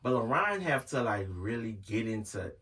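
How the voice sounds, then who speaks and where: A man in his thirties, appearing as an interview guest, talks candidly and earnestly in a very animated, mid-range voice with a fairly bright tone at a normal speed. He repeats himself a lot and leans heavily on "you know what I'm saying." He is positioned far from the mic in this casual conversation.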